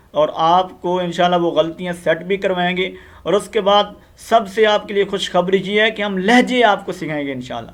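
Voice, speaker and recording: A man with a Pakistani Urdu accent giving a spoken Quran recitation lesson, explaining in an earnest, repetitive teaching manner with frequent fillers. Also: high-pitched.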